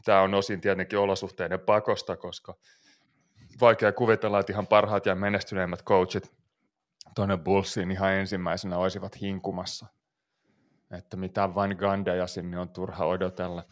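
Low-voiced joking male podcaster. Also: level tone. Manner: joking, laughs often. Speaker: podcast co-host. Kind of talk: casual sports chat.

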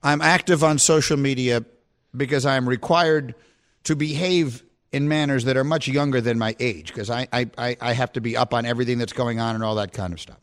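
A man's voice: medium pitch, fairly even intonation, fairly quick. A man in his fifties hosting a radio talk show, giving his opinions in a mock-outraged rant that keeps building in emphasis. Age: 50s. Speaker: radio host.

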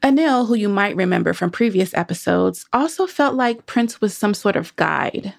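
Female podcast host: mid-pitched narration with vocal fry, dry studio sound. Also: expressive, moderate pace, dry recording. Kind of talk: scripted podcast narration, some conversational interview.

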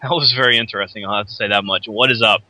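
A man's voice: on the low side, steady tone, very fast, pushed and bright. A man co-hosting a radio show as a guest, giving casual live commentary. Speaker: guest co-host.

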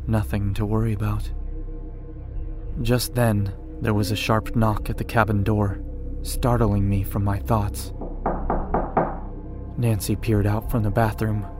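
Even-voiced man narrating horror. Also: fairly low pitch, music in the background. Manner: measured, even first-person telling.

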